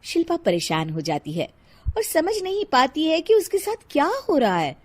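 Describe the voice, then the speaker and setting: A woman's voice: high-pitched, wildly swooping pitch, moderate pace. Woman narrating a cartoon story.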